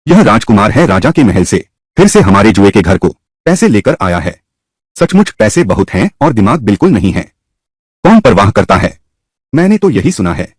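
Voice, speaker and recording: A man dubbing a historical costume drama, voicing many characters in a lively, shifting way. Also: fairly low pitch, slightly rough, dry recording, studio quality. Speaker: dubbing narrator voicing all roles. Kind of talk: Hindi dub of a historical drama.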